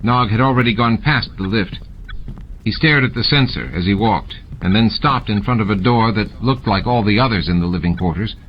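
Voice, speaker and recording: Reading a scripted story aloud as an audiobook narrator, a man speaks at normal speed in a fairly low voice. Noise and ambient sound effects are clearly audible behind the muffled recording.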